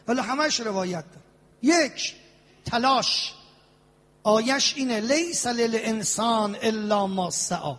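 A man preaching a sermon as a cleric, animated, with drawn-out invocations and sing-song passages. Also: extremely high pitch. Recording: long hall reverb.

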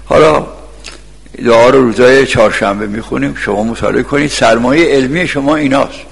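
A man delivers a sermon in a gravelly, husky voice, building stories that break into sudden shouts. His voice rings out with a long reverb, as in a big hall. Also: mid-range voice. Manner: storytelling with sudden shouted outbursts. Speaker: preacher.

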